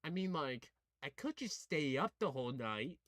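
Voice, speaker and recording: Reading a visual novel aloud for a gaming video, the host adds slangy, casual remarks and occasionally stumbles over words. The medium-pitched voice is sing-song, fairly bright and at a normal speed, in a clean, dry studio recording with music behind it.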